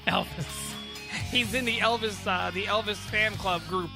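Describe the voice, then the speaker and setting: A man's voice: high-pitched, fairly even intonation, a little slow, creaky, music in the background. A male radio host bantering casually, often rambling and interrupting himself.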